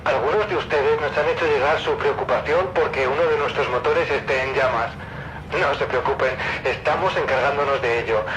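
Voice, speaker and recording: An actor playing a calm male airline captain, making a formal, reassuring announcement over the cabin loudspeaker from the cockpit. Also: on the high side. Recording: muffled lo-fi audio with clear engine hum.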